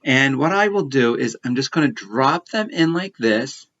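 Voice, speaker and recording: A man's voice: mid-range voice, animated, moderate pace, a bit bright. A man with a kindergarten teacher voice giving a science lesson and telling a story to preschoolers, explaining simply and repeating key words. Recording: slightly muffled lo-fi audio.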